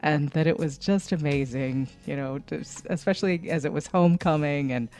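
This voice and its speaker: A woman's voice: low-pitched, normal speed, darkish tone, soft background music. A woman co-hosting a morning radio show, chatting and reading news stories in a conversational way, laughing easily. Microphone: studio microphone.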